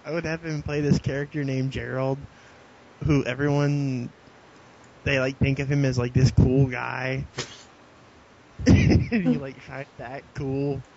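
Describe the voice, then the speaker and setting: A man's voice: medium pitch, steady tone, a little slow, gravelly, pauses often, darkish tone. Rambling young man on a lo-fi podcast. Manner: rambling, laughs often, many "like" fillers. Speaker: podcast co-host. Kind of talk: casual chat. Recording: dull lo-fi podcast audio with faint hiss.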